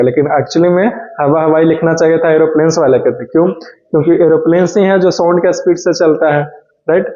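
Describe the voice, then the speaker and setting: A male science teacher lectures in a chatty, explaining manner, his voice a little high but mellow. He is recorded in an echoey room with dull, lo-fi sound. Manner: chatty, mixing Hindi and English, asks and answers his own questions. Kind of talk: classroom lecture.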